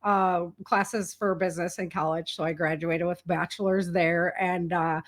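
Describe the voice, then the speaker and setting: An American woman from the rural United States, an indie author and entrepreneur, chats as a guest and tells stories candidly in everyday slang. Her voice is on the low side, with fairly even intonation and a moderate pace.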